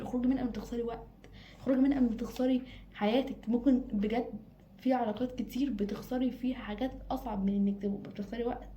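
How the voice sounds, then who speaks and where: A woman's voice: on the high side, warm tone, slight background noise. A woman with an Egyptian Arabic accent giving casual advice straight to her own camera, emphatic and repeating phrases for stress. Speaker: advice vlogger. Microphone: self-filmed camera.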